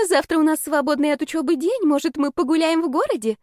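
A woman's voice: high voice, fast talker, darkish tone, no echo, clean studio sound, voice pushed up, close to an everyday voice. A woman doing a giggly lovestruck girl. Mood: sugary.

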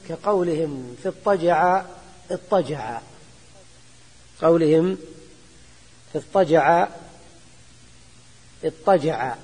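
Older man, patient grammar lecturer, repeats key terms; husky voice, long hall reverb. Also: sits high, a little mellow. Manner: explains slowly, repeating terms and answering students. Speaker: teacher of Arabic grammar. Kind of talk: classroom lecture explaining a grammar text. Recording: echoey hall recording.

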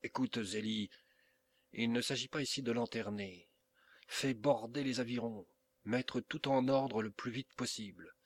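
A man's voice: medium pitch, fairly even intonation, measured pace, close to an everyday voice. Man putting on a bellowing pirate captain. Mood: commanding. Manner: loud, gruff, commanding. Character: hot-tempered male pirate captain barking orders.

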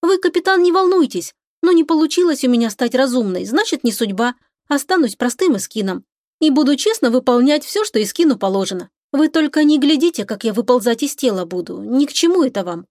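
A woman's voice: high voice, sing-song, a little fast, a little mellow, no room sound, studio quality, pitched above the performer's own voice. A woman voicing a tearful young ship AI girl. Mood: sad, resigned. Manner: tearful, pleading.

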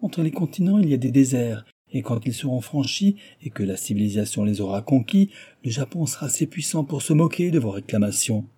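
A man's voice: mid-range voice, expressive, fairly quick, dark tone, husky, no echo, voice pushed up. A man voicing a self-assured, mocking American billionaire in an audiobook, talking with animation. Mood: animated.

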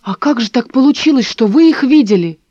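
A woman voicing an impatient young woman, insistent probing questions, high lively voice, dry muffled sound. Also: brisk, no room sound. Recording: dull lo-fi dry recording.

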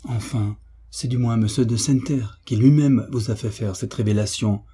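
A man's voice: medium pitch, steady tone, normal speed, dark tone, breathy edge. A man voicing an anxious young heiress in an audiobook, full of astonished questions. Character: young rich heiress, anxious concerned friend. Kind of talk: audiobook reading.

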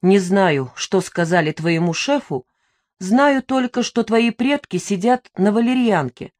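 A woman's voice: medium pitch, expressive, a little slow, darkish tone, voice pushed up, natural voice. A woman reading the lines of a blunt young man who brusquely scolds a friend, in an audiobook. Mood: scolding. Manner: brusque, matter-of-fact.

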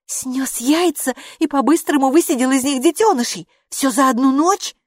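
Brief: woman reading as a sharp-tongued girl in a storybook, loud, bright and scornful. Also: high-pitched, normal speed, dry recording, studio quality, voice pushed up, natural voice. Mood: bossy. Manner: snapping, mocking. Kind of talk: audiobook character voice.

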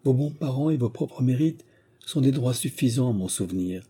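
Man reading a young heroine, gentle, firm, restrained, husky dark voice, storybook. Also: mid-range voice, expressive, normal speed, voice pushed up. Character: gentle young woman, tender but firm.

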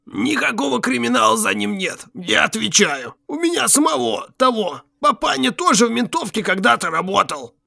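A man voicing a pleading, wheedling male street tramp, whining and begging in a higher, softer voice. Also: big pitch swings, moderate pace, creaky, hardly any pauses, dry recording, studio quality, exaggerated voice.

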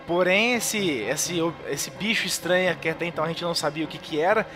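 A Brazilian Portuguese man with a noticeably high voice retells a movie scene by scene in loose podcast chat. His speech rambles and fills with small verbal tics. Faint music sits under him. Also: brisk. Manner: rambling recap with frequent fillers and chuckles. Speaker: podcast host. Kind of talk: casual podcast film recap.

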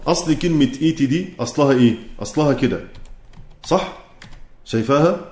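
A man's voice: medium pitch, darkish tone. Egyptian man teaching recitation in an echoey room. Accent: Egyptian Arabic. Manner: explains by asking and answering himself, chants quoted verses slowly. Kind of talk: teaching a lesson on recitation rules.

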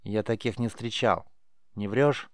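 Man doing a cocky young thief boy, boastful, streetwise, low voice, dry sound. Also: unhurried, dry recording, close to an everyday voice. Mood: curious.

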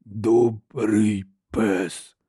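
Giant creature, read by a male narrator: cracked, rasping, childlike, very slow. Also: lowish voice, flat delivery, dark tone, dry recording, clean studio sound, full character voice. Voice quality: harsh, cracked voice. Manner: slow, halting single words.

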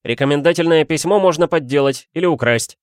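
Guy reading a pushy young student, raised pitch, loud and insistent. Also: fairly quick, no room sound, clean studio sound, natural voice. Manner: insistent, grumbling. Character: sharp, suspicious young male student.

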